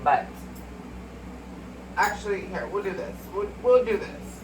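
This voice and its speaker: A spiritual card reader rambles through a casual reading, voice sitting at a middling pitch and sounding a bit congested. The talk wanders in a loose, mystical way, always turning back to the viewers as y'all. Faint noise sits behind the voice. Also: lively intonation, unhurried, rough recording. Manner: chatty, addresses viewers as y'all.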